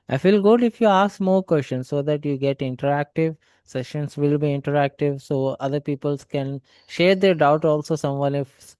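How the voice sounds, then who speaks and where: A man's voice: mid-range voice, a little mellow, clean tone, no echo. A man teaching an online class, explaining step by step and often restarting with "okay, so". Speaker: cybersecurity trainer. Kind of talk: online lecture.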